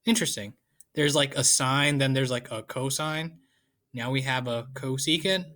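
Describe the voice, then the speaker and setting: Man, math teacher, casual lecture, playful asides, medium pitch. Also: normal speed, pushed and bright.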